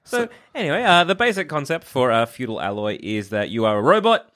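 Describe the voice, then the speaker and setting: A man hosting a casual video game podcast, talking in a halting, hesitant way. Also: mid-range voice, sing-song, fairly bright tone. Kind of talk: casual chat review.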